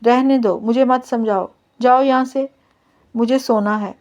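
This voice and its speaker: A woman reading the part of a hurt, quick-tempered young bride in her own voice. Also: a little high, darkish tone. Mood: angry.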